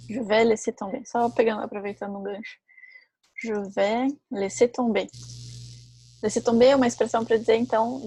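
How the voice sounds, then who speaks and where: Woman teaching French, husky. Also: mid-range voice, warm tone, dry recording. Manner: explains in Portuguese with French examples, corrects herself. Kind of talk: online language lesson.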